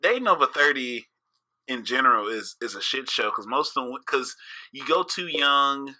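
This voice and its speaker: A man's voice: mid-range voice, animated, normal speed, sharp tone. A man co-hosting a podcast, talking bluntly and profanely in casual chat. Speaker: podcast co-host.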